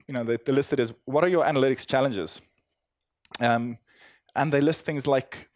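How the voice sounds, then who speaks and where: On a conference hall stage, a South African man with a South African accent gives a chatty, self-deprecating talk full of fillers and restarts. His voice is medium-pitched, and the sound is clean studio quality with no room sound.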